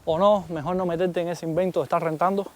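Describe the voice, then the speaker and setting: A man's voice: high voice, fairly even intonation, quick pace, slight background noise. Chatty Cuban man vlogging. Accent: Cuban Spanish. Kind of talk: casual chat to camera.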